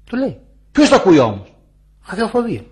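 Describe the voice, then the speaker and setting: Older male elder preaching, husky, high and lively, hammering questions at his listeners. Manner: preaching with rhetorical questions and emphatic repetition. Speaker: monastic elder. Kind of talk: sermon.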